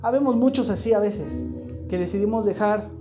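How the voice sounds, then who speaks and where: A high-voiced man preaches a live sermon at a fairly quick pace, with music in the background. Emphatic, he fires repeated questions at the congregation in the church hall.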